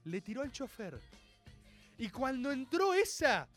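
A young Argentine comedian with a Rioplatense accent tells a stand-up story in a mock-solemn, grand style, occasionally shouting the voices of its characters. His voice is very high for a man, swinging widely and lively up and down at an unhurried pace. Faint music plays behind him.

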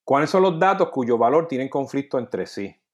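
A man's voice: medium pitch, lively intonation, moderate pace. A man giving an explanatory talk on data quality, checking in with listeners by tagging sentences with "ok?" and "no?" and restarting words as he goes.

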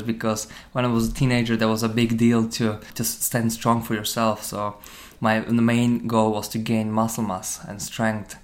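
Slovak-born man, personal trainer. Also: medium pitch. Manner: non-native phrasing, thoughtful with many fillers. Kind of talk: interview storytelling.

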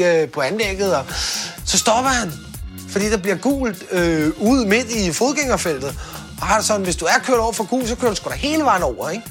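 A man casually tells an anecdote, swearing and acting out sounds and quotes. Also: high-pitched. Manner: swearing, animated, acts out quotes and sound effects. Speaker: storyteller.

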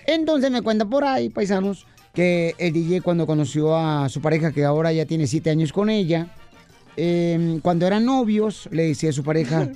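A man's voice: on the high side, normal speed, warm tone, clean tone, faint music behind. A man hosting a comedy radio show, joking and talking to his listeners. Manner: jokey, calls listeners paisanos.

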